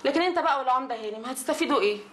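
Curious young Egyptian woman: high, very fast, echoey. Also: lively intonation, a little hiss or hum. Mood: questioning. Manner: quick, questioning. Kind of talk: TV drama acting.

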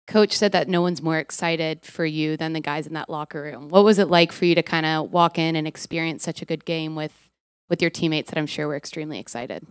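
Woman reporter, really low smooth voice, calm question, dry sound. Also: fairly quick, no echo. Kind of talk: press conference question.

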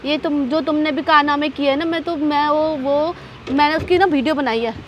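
A young woman with a very high, piercing voice argues on a boat outdoors. She keeps pressing and repeating her accusations. Faint street noise sits underneath. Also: a little fast, lo-fi sound. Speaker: vlogger. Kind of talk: staged couple argument.

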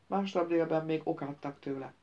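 A woman narrating an audiobook in a steady storytelling manner. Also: low-pitched, lo-fi sound. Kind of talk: scripted narration.

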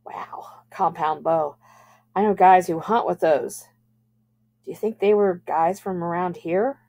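A woman reading the lines of a calm adult man, a grocery store assistant manager, in a quiet, hushed way. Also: lowish voice, unhurried. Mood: concerned.

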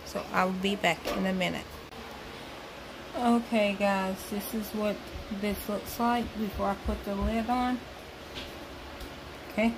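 A woman's voice: mid-range voice, steady tone, measured pace, long pauses. A Southern woman casually talking viewers through cooking dinner in her home kitchen, explaining each step as she goes. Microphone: handheld phone camera. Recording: noisy kitchen phone recording.

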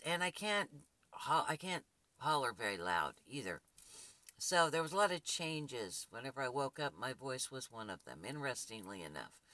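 A woman with a husky, gruff, dark voice, hosting her channel and talking casually to viewers with rambling restarts and fillers. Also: rumbling low, no room sound. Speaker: spiritual channel host.

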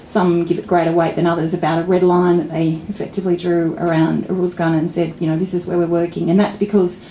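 Talking fast in a warm, fairly low voice with a level tone, this middle-aged Australian woman, a political journalist, addresses a pub audience through a stand mic. She is wry and reflective but often restarts and uses fillers, and the roomy space carries faint background noise.

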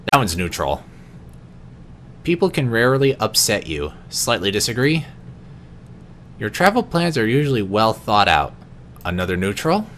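A man with a low voice reads personality quiz questions aloud in an unscripted video, his pitch rising and falling a lot. He answers each one in a softer, lower tone, with the occasional stumble and restart. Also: big pitch swings, normal speed, long pauses, slight background noise. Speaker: vlogger.

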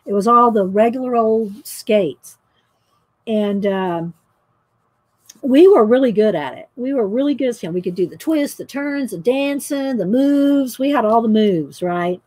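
A middle-aged painting vlogger chats and laughs often while telling a story as she paints, off screen and picked up by an overhead camera mic. Her fairly high voice is animated, darkish in tone and a little slow, with no room sound.

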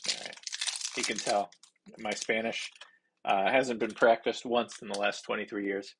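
A man, hosting a casual foodie snack review in a halting way, thinking aloud as he describes flavours. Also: lowish voice, fairly even intonation, background noise. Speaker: food review host. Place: small indoor home office.

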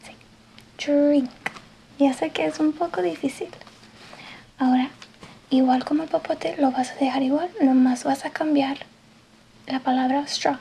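Soft-spoken woman in whispered role-play. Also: high-pitched, steady tone, vocal fry, slight background noise, low-quality recording. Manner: soft-spoken, slow and patient, drifting between soft voice and whisper. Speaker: ASMR creator playing an English teacher.

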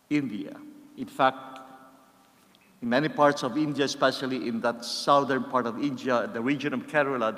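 A middle-aged priest preaches a homily from a lectern, speaking slowly and deliberately and pressing hard on key words. His voice sits at an ordinary male pitch. It comes through a church livestream, with long reverb trailing off each phrase. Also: bright, forceful tone. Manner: slow, measured preaching with rising emphasis.

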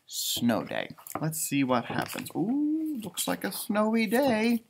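Reading to young children in an indoor room with bookshelves, an American man in his thirties works as an elementary school storybook reader and teacher, mixing animated narration with chatty asides. His voice is high-pitched, slow, gravelly and husky, and his manner is playful, expressive and theatrical, with abrupt shifts between loud and hushed.

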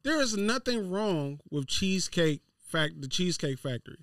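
A man's voice: high-pitched, very animated, normal speed, a bit bright, no echo, clean studio sound, distant mic. A man chef as a guest at a casual dinner-table chat, giving easygoing, frank opinions.

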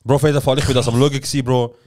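A man's voice: mid-range voice, flat delivery, darkish tone. A young man with a Swiss German accent, co-hosting a podcast and telling slangy stories, acting out the quotes. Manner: rapid slangy storytelling, acts out quotes. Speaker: podcast co-host. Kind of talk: casual chat.

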